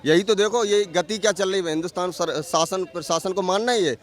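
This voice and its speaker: A man answering a street interviewer outdoors, forceful and indignant, firing rhetorical questions. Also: high voice, brisk. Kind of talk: heated street vox pop.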